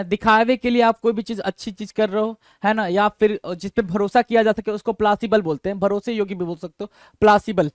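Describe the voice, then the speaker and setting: Male exam-prep vocabulary teacher, high-pitched, casual, repeats and spells terms, dry close recording. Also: no room sound. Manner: repeats words and spells them out letter by letter; quizzes listeners with rhetorical questions.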